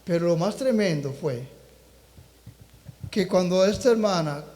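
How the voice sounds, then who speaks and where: A man preaching in a church with a strikingly high voice that rings out with long reverb. He tells his testimony with fervent, storytelling passion and keeps turning to the congregation as brothers and sisters. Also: expressive, unhurried, darkish tone. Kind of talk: sermon with personal testimony. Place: church sanctuary.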